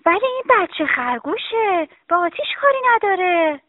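A woman's voice: extremely high pitch, big pitch swings, no echo. A woman voicing a caring elder-sister girl in a children's audio story, with a coaxing, childlike delivery. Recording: narrow phone-like sound.

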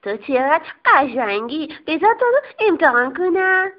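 A woman's voice: sits high, very animated. A woman voicing a small gray female mouse in a storybook, sweet and shivery, on a dull lo-fi recording. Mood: charmed.

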